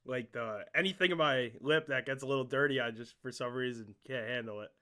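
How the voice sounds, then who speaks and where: A man's voice: mid-range voice, a little fast. Guy hosting a podcast, hyped and goofy, swearing a bunch, normal middle voice. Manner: excitable, joking, swears often. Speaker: podcast host, interviewer. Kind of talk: casual interview chat.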